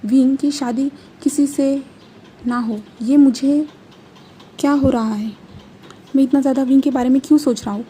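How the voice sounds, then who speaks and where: Brief: woman voicing a possessive, hot-tempered young man, mellow tone, fan story reading. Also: high-pitched, fairly even intonation, moderate pace, long pauses, slight background noise, close to an everyday voice. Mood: confused. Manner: shouting, then confused self-questioning.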